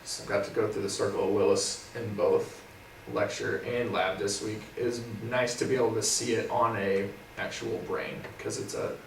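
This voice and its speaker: A young man in his twenties, co-hosting and casually going over what he learned in class, relaxed and often trailing off softly. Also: fairly low pitch, normal speed, gravelly, hardly any pauses. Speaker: co-host, physical therapy student. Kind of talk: casual study recap. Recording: roomy, far from the mic, faint noise.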